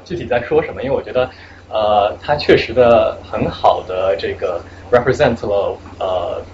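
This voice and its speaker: A young man in his twenties giving a casual live talk at a salon, hesitant with many fillers and dropping English words into his speech. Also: mid-range voice. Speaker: guest speaker at a salon. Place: event room before a small audience. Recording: muffled lo-fi live recording with steady background noise.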